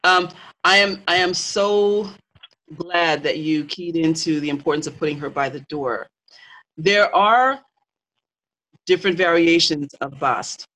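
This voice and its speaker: A host of a live talk, explaining spiritual lore in a teaching way, pausing and restarting often. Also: mid-range voice, bright, forceful tone, rough recording. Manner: explanatory, with many fillers and restarts.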